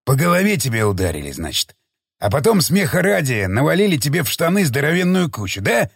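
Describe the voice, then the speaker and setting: Brief: male reader as gruff, threatening ex-army commander, audiobook; barking, animated delivery, dry mic. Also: on the high side, brisk, no room sound, full character voice. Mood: furious. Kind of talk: audiobook character reading.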